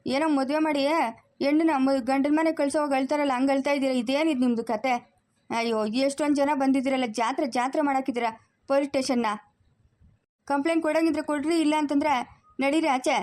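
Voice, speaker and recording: A woman's voice: high voice, steady tone, quick pace, darkish tone, close to an everyday voice. A woman voicing an impatient, sarcastic female police officer in a family cartoon. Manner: curt, sarcastic.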